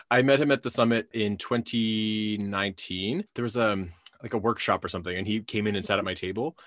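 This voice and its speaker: A man co-hosts a casual podcast, and his voice sits a little low. He rambles playfully and keeps breaking into laughter. He records in a closet, so the sound is very dry. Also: normal speed, a bit bright, dry recording. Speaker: podcast co-host. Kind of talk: casual chat. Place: closet at home.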